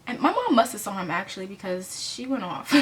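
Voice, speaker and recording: A woman's voice: mid-range voice, sing-song, fairly quick. A twenty-year-old American woman tells a personal story in a casual, rambling way, full of fillers and self-corrections. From United States. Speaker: vlogger telling a storytime.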